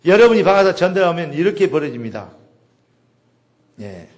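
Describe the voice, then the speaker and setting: A man preaching a sermon in a chatty, animated way, acting out little exchanges with people. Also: a little high, normal speed. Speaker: pastor.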